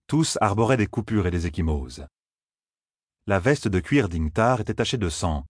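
A man narrating a fantasy audiobook in a measured, steady reading. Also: deep voice, breathy edge, no echo, clean studio sound. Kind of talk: scripted narration.

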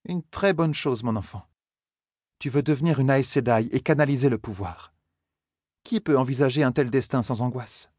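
A man voicing a calm, stern older woman mentor in an audiobook, speaking with measured counsel. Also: mid-range voice, no echo, clean studio sound, pitched above the performer's own voice, close to an everyday voice. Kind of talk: audiobook character voice.

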